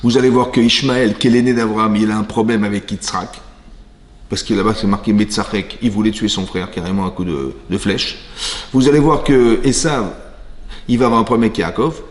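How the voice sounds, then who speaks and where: A man's voice: fairly low pitch, fairly quick. A man giving a Torah class to women, reading verses and explaining them in a conversational way, often checking on his listeners. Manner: reads Hebrew verses then explains in French. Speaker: rabbi teaching a women's class. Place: synagogue hall. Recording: long reverb of a synagogue hall.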